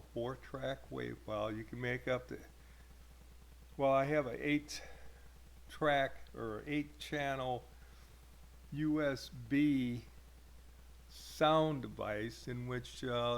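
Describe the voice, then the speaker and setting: Slow, hesitant man demoing his software. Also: mid-range voice, creaky, slight background noise. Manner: hesitant, with many uh fillers and restarts. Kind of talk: casual screen-recorded tutorial.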